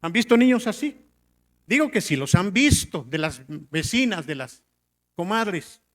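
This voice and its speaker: A middle-aged man preaching a sermon to a congregation, asking rhetorical questions and swinging between loud emphatic lines and quiet drops. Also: high-pitched, sing-song, a little slow.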